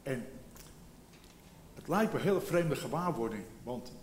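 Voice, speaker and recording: A man's voice: mid-range voice, animated, unhurried, echoey room, slight background noise. A man in his seventies preaching a sermon in a reflective way, repeating phrases and rising for emphasis. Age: 70s.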